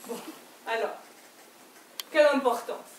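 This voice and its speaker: An actress playing an evasive, exasperated wife in a stage play, quick and dismissive in her replies. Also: a little high. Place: theater stage. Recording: roomy, distant stage recording with faint hiss.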